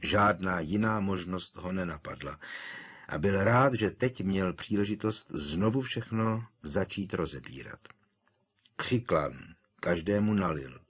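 A man reading a novel aloud at a measured, even pace. his voice is fairly low and husky, and he keeps the storytelling steady and unhurried. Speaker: audiobook narrator. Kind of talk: scripted narration.

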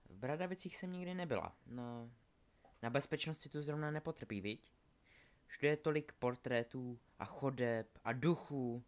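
A man voicing a nervous, chatty young witch in a storybook reading, soft and rambling with hesitations. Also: mid-range voice, close to an everyday voice. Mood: shy, chatty.

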